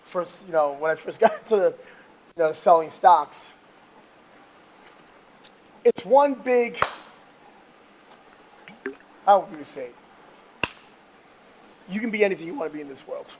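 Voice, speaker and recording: Guy w high voice doing interview show while on treadmill, hype salesy motivational chat. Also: expressive, measured pace, pauses often, a little hiss or hum, poor audio. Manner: talking while exercising on a treadmill.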